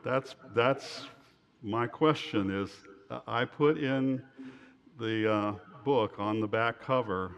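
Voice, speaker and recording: The muffled clip features a man giving a casual slide lecture as an author. His speech is halting and rambling, pitched on the low side.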